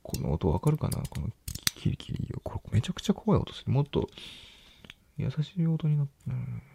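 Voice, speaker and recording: A young man, quietly mumbling to himself at home late at night, nervous and hesitant. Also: mid-range voice, very animated, normal speed, creaky, a little hiss or hum. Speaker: vlogger.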